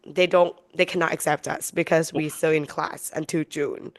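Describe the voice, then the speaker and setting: Low-voiced young woman chatting. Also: flat delivery, normal speed, dry recording. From Thailand. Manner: chatty, laughs often, fills with "like". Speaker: podcast co-host. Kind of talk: casual chat.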